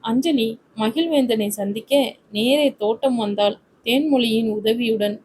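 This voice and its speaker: A woman narrating a romantic family story in a steady, literary storytelling manner. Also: a little high, a little slow, a little hiss or hum, poor audio.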